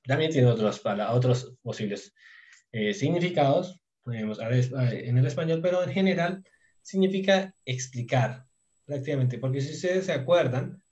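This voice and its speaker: A man teaching a language lesson online, thinking aloud with many fillers and slowly drilling conjugations. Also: medium pitch, a little mellow. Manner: slow, drawn-out drilling of conjugations. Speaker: Turkish teacher.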